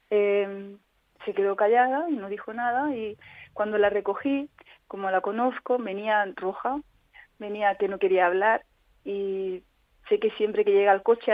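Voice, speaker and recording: Speaking as a radio interview guest, a Spanish patient advocate reflects earnestly on her personal experience in a mid-pitched voice. Her voice comes through a thin, telephone-like channel that sounds dry, without any room echo.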